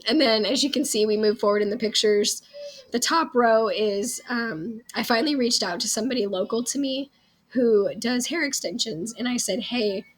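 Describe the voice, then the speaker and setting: A young adult woman with a hoarse, strained voice, telling a personal story to viewers in an earnest, candid, informal way. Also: mid-range voice, fairly bright tone, low-quality recording. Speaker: vlog host.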